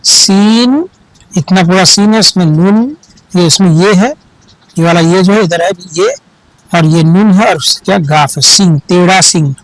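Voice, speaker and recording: A man's voice: high voice, a little slow, no echo, poor audio. A man teaching children to read Urdu, spelling out each word letter by letter, repeating it and correcting common misreadings. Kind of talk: slow spelled-out reading lesson for children.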